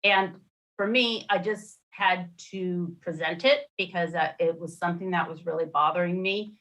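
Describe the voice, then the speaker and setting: A woman commissioner explaining a map proposal at a public meeting over a video call, halting with many fillers and restarts. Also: fairly low pitch, a bit bright, rough recording. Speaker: redistricting commissioner.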